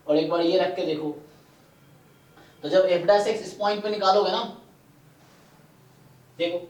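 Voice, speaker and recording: Math teacher in an echoey room. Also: male voice, sits high, fairly even intonation, a little slow, far from the mic. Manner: explains step by step, often asking "है ना". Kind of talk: live online lecture.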